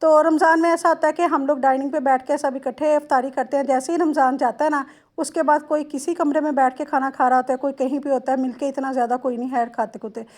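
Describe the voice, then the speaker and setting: A woman from Lahore in her thirties narrates her day of cooking in a chatty, homely way, with a Lahori accent. Her voice sits high, and she speaks straight to her viewers. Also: fairly even intonation, fast. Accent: Lahori Punjabi-tinged Urdu. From Lahore, Pakistan. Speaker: home cooking vlogger. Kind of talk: casual cooking voice-over.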